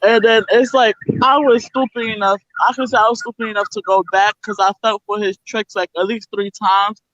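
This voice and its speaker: A woman's voice: medium pitch, fairly even intonation, a little fast, fairly bright tone, dry recording, highs cut off. A young woman guest telling her own story bluntly and candidly, swearing freely. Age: young adult. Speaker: interview guest.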